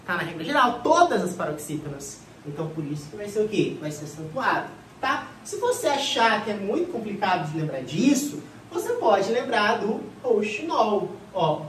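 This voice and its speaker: A woman teaching a grammar class for an exam, who asks the class questions and answers them herself in a lively way. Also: medium pitch, slight background noise. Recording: echoey room, voice from far off.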